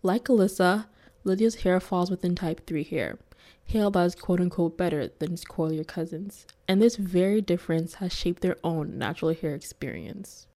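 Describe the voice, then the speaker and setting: A woman's voice: on the low side, normal speed, dark tone. A young woman hosting an interview, chatting casually and reading scripted narration. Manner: casual, filler-heavy in chat. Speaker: host.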